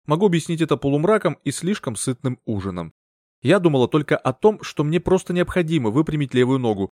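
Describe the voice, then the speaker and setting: A man narrating a first-person mystery audiobook in a measured, wry storytelling manner. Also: medium pitch, darkish tone, dry recording, clean studio sound. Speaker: audiobook reader.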